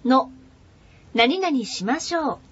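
A woman's voice: high voice, animated, takes it slowly, slightly rough, highs cut off. A woman co-hosting a radio language lesson, introducing segments and repeating words after the teacher. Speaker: co-host and learner.

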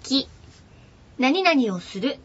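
A woman's voice: high voice, sing-song, very slow, fairly bright tone, highs cut off. A woman co-hosting a radio language lesson, introducing segments and repeating words after the teacher. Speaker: co-host and learner.

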